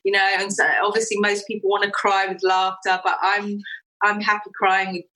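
A woman's voice: medium pitch, monotone, normal speed, sharp tone, poor audio. A woman, a guest in a casual podcast chat, talking enthusiastically and laughing often.

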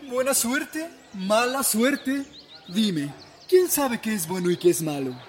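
A man's voice: high-pitched, a little hiss or hum, exaggerated voice. A man doing a serene wise farmwoman. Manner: calm, measured. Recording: clear music underneath.

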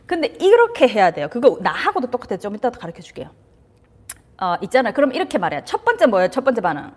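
A woman's voice: on the high side, quick pace, husky. A woman giving a casual talk on parenting and anxiety, asking her listeners questions and slipping in English terms. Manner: lively, asks the audience questions, drops in English terms. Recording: reverberant room.

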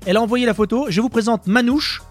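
Young man, co-host, fast, high voice, jokey radio-style announcer, faint music behind. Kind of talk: casual chat.

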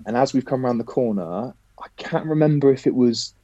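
A man, a professional footballer, telling a lively anecdote as a podcast guest, casually swearing now and then. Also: mid-range voice, fairly quick, dry recording, lo-fi sound.

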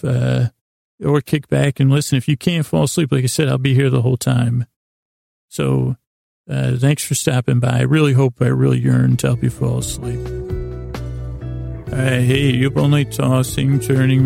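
In a gravelly, creaky mid-range voice, a male podcast host rambles through a halting bedtime monologue, pausing at length, correcting himself and making silly jokes at his own expense.

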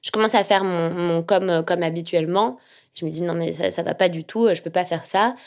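A young woman speaks with a slightly nasal tone pitched a little low. She recounts her experiences calmly, pausing often and filling gaps with hesitations. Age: young adult. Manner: thoughtful, many fillers and hesitations. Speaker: journalist. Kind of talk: casual personal storytelling.

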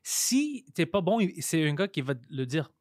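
A man's voice: fairly high pitch, very animated, moderate pace, darkish tone, no echo, studio quality. A man hosting a podcast in casual chat, speaking French as a second language, mixing in English and laughing easily. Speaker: podcast host.

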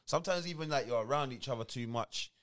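A man's voice: mid-range voice, fast talker, a bit bright, smooth. A man with an urban London roadman accent, chatting casually in street slang, repeating phrases as he goes. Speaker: podcast guest and former co-host. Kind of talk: casual chat.

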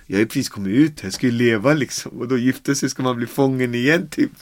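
In a relaxed storytelling interview recorded at his home among his dogs, a Caribbean man in his forties lively retells events, voicing quotes and filling gaps with plenty of filler words. The medium-pitched voice is captured dry.

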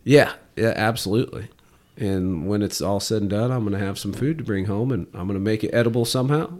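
A man's voice: on the low side, fairly quick, a little mellow. A man guest on a podcast, telling rambling anecdotes in casual chat and chuckling easily. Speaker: podcast guest, fishing guide.

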